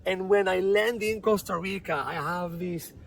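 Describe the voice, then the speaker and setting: Podcast host, man, high gravelly voice, repeats words as he searches for phrasing, outdoors. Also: moderate pace, background noise. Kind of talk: casual outdoor interview. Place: outdoors on a property.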